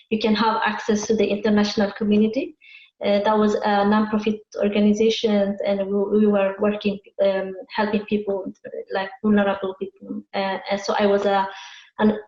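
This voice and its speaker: Eritrean-born woman speaking, flat tone. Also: mid-range voice. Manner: hesitant, many fillers. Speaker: guest. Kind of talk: interview answers. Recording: echoey muffled video call.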